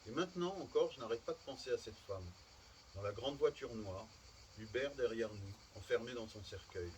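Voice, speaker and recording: A man reading short stories aloud at a public literary event, with a measured storytelling delivery. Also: mid-range voice, a little hiss or hum. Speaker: reader. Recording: distant mic, faint outdoor ambience.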